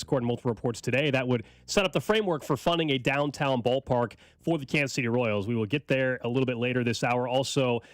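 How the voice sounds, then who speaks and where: A man hosting a sports radio show, running through the hour's lineup briskly and upbeat before welcoming a guest. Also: medium pitch, no room sound. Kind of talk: radio show opening and interview. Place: radio studio. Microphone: studio microphone.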